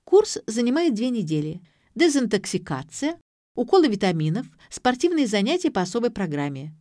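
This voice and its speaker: A woman voicing a chirpy young female clinic receptionist who rattles off a fast sales patter. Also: fairly high pitch, very animated, dark tone, no echo, clean studio sound, pitched above the performer's own voice.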